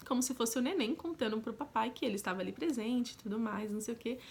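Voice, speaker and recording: Casually telling a personal story, a young vlogger with a Brazilian Portuguese accent uses a fairly high, fairly bright voice. Her delivery is chatty and direct, with many asides aimed at the viewer.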